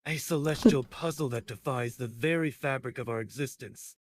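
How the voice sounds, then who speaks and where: Brief: man-voiced grandiose chatbot, flowery old-fashioned lecturing, mid pitch. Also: normal speed, lightly acted. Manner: ornate, archaic, lecturing speech. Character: pompous flowery male chatbot, grandiose and theatrical.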